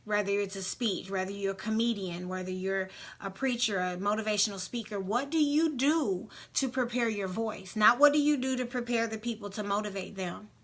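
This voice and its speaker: Bright-voiced chatty woman vocal coach. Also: medium pitch, moderate pace, hardly any pauses. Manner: chatty, rambling with many restarts and fillers. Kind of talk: casual talk to camera.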